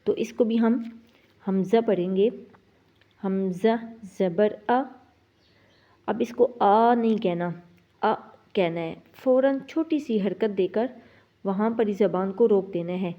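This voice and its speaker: Woman, Quran reading teacher, patient, repeats syllables slowly, mid pitch, slightly muffled recording. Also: warm tone. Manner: patient, repeats sounds slowly for students to copy. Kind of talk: slow didactic lesson with drilled syllables. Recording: slightly dull lo-fi sound.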